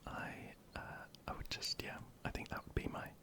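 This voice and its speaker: An ASMR creator, whispering softly and hesitantly while answering viewer questions into a close microphone. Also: normal speed. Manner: soft, hesitant, many ums and restarts.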